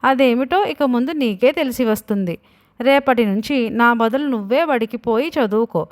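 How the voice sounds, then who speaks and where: A woman voicing a defiant young son in his father's body, who talks back in a mocking, slightly high voice. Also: normal speed, close to an everyday voice.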